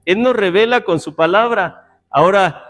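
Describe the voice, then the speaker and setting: A man's voice: sits high, moderate pace, fairly bright tone. A man teaching a Bible class in a church room, talking conversationally with joking asides and rhetorical questions to his listeners.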